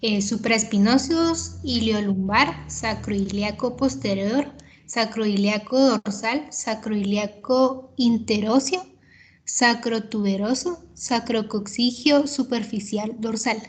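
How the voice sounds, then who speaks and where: A woman student, slowly reading out a list of ligaments with small fillers. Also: on the high side. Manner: slow, careful listing with fillers.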